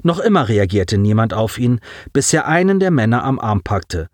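Lively, dry-voiced male narrator. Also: medium pitch, normal speed, no echo. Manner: dramatic, lively reading. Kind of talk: audiobook narration.

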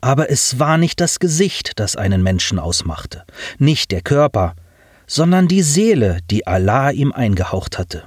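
A man narrating a science fiction audiobook in measured, expressive storytelling. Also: mid-range voice, dry recording, studio quality.

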